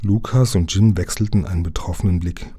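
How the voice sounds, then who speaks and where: A man calmly reading a children's book aloud in a measured storytelling manner. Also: sits low, breathy edge. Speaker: reader.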